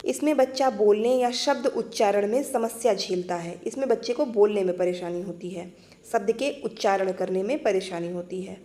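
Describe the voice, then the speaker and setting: A woman teacher explaining exam-prep material in a clear, patient way, restating each point. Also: medium pitch, normal speed, dark tone.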